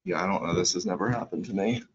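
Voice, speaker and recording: A man's voice: low-pitched, fast, dull audio, slight background noise. Man's voice glitching and cutting out. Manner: hesitant, many ums and restarts. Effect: audio cutting out, glitchy dropouts. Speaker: weather forecaster. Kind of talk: online weather briefing.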